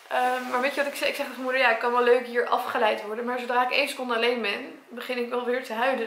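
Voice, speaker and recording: A heartbroken young Dutch woman speaks into her camera, her voice gravelly and raised in pitch, stuffed up from crying and breaking into soft, shaky halts. The room around her rings with echo, and faint noise sits behind her. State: tearful, congested from crying. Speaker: vlogger and primary school teacher. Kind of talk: personal vlog talk to camera. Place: at her parents' home, indoors. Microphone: camera mic.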